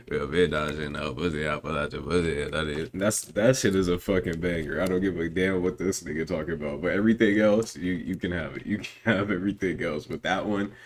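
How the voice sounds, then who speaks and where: A man's voice: deep voice, slight background noise. A man hosting a reaction video, chatting in a laid-back, slangy way with easy asides. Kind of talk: casual reaction commentary.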